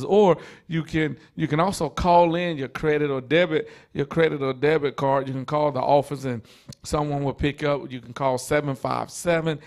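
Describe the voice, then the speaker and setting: Exuberant gravelly church minister. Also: male voice, mid-range voice. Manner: excited, repetitive exclamations and praise calls. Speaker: church minister leading praise and announcements. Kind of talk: exuberant church service talk. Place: church sanctuary, streamed online.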